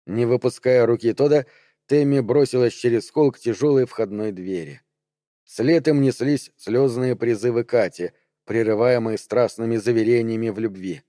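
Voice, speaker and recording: A male narrator with a dark, mellow voice reads a novel in a measured, even way. The sound is dry and close, with no room around it, and the pitch sits in a middle range. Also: dry recording. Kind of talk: scripted audiobook narration.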